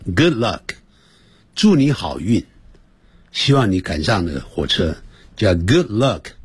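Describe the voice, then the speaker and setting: A man teaching English on a radio lesson, explaining phrases and drilling pronunciation by stretching words out slowly. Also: deep voice, sing-song, husky, no echo. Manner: switches between explanation and example phrases.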